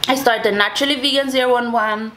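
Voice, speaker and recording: A woman's voice: on the high side, steady tone, quick pace, a bit bright, a little hiss or hum. A young adult woman telling a personal story to viewers in a casual, chatty, informal way, like a YouTuber talking to camera. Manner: chatty, informal, addresses listeners as guys.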